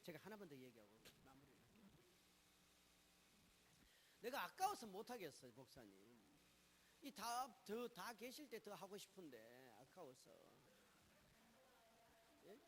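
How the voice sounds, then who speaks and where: A man preaching a testimony sermon at a church meeting, asking questions and answering them himself, swinging from loud exclamations to hushed asides. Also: high voice, slight background noise. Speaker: guest pastor giving a testimony.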